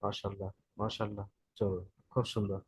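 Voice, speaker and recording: A man's voice: on the low side, level tone, brisk, breathy edge, no room sound. A man with a West Bengal Bengali accent teaching an online Quran reading class, patient and repeating each point to check his students follow.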